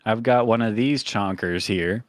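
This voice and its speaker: A man hosting a podcast in casual chat, rambling with lots of fillers and getting animated when he tells a story. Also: lowish voice, unhurried, dry recording, clean studio sound. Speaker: podcast host.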